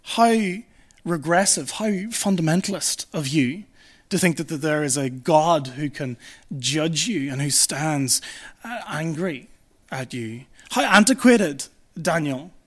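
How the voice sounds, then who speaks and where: A man's voice: a little high, animated, slow, a bit bright, heavily acted. A man voicing a scornful young Babylonian student who mocks faith with incredulous, sneering questions. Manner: sneering, incredulous, mock-offended.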